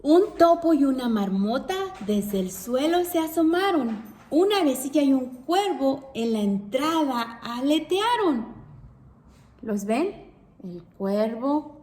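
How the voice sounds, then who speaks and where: A woman teacher reads a picture book aloud to children with an animated storytelling manner. Her voice is high and she takes her time, stopping to ask the children questions. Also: slow pace.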